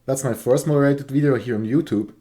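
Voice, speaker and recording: This mellow, medium-pitched male voice belongs to a hobbyist who keeps and builds for geckos, a non-native English speaker with a Swiss accent. He narrates a scripted voice-over tour of his gecko setup, speaking carefully and plainly with some halting phrasing.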